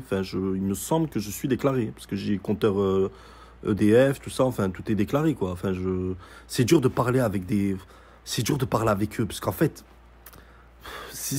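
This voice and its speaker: A young man telling a story in a casual, sarcastic rant, mocking and animated as he recounts events. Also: on the low side, slightly rough.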